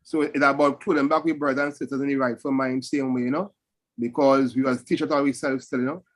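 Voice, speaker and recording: A man's voice: mid-range voice, little pitch movement, a little fast. A man with a Caribbean accent reasoning in Rasta speech, ending phrases with "you know" and "still" in a casual panel discussion. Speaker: panel speaker.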